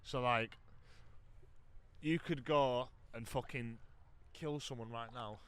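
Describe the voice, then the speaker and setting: A man's voice: mid-range voice, steady tone, slow, fairly bright tone, clean tone. A British man co-hosting a podcast in casual banter, talking bluntly and swearing as if drunk. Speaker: podcast co-host.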